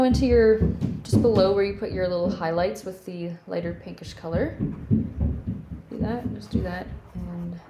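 A woman with a Canadian accent, a painting instructor talking through each brushstroke in a relaxed, step-by-step way. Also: mid-range voice. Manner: relaxed, thinking aloud while working. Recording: roomy studio with faint background hum.

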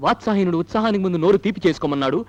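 An actor playing an amorous, hot-tempered husband in a film scene, talking in a blustering, teasing way. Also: male voice, sits high, very fast, a little mellow, highs cut off, lightly acted. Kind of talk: film dialogue. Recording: music score behind.

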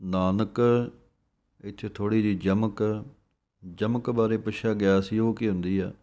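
Teaching careful scripture pronunciation, this Punjabi-accented man speaks at a normal speed in a low, dark, level voice. His slow recitation lesson breaks words into syllables and then explains them.

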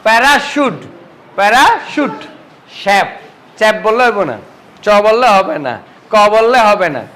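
A man's voice: extremely high pitch, sing-song, a little slow, pushed and bright, a little hiss or hum, low-quality recording. A man teaching an English pronunciation lesson, who asks his class questions and answers them himself.

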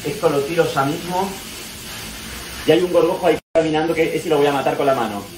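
This man in his thirties speaks with an Argentine accent in a fairly high voice at a quick pace, and the room is echoey. As a social media vlogger, he chats casually yet dramatically to his followers, exclaiming and repeating himself, mostly in his home kitchen. The noisy audio comes from a handheld phone kept at varying short distances.

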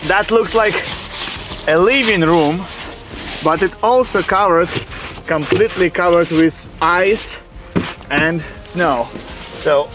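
A young adventure vlogger with a Slavic accent explores a snow-filled boat cabin outdoors in winter, excitedly narrating every find in non-native grammar. His voice sits high, and he talks slowly with frequent pauses over music.

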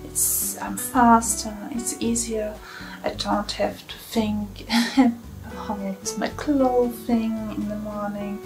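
A German woman in her thirties makes her first talking vlog from a bright room at home, speaking hesitantly with fillers and careful phrasing. Her mid-range voice has little pitch movement and a slow pace, and the rough recording has music playing underneath.

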